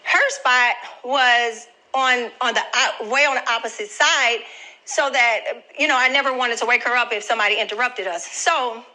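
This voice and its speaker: Bright-voiced woman telling a story. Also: fairly high pitch, moderate pace, poor audio. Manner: chatty, addresses viewers directly. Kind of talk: casual storytelling to camera.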